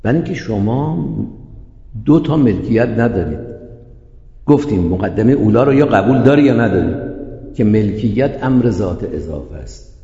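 A man's voice: fairly low pitch, lively intonation, mellow. A man teaching a class, explaining step by step and checking with rhetorical questions. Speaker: teacher of Islamic jurisprudence. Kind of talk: classroom lecture. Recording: echoey hall, dull lo-fi sound.

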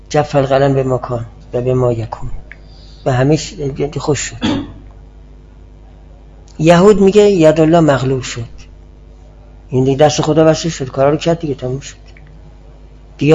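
A man's voice: mid-range voice, warm tone. A man teaching a class on philosophy and theology, explaining step by step and answering students' questions. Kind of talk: classroom lecture. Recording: muffled lo-fi class recording.

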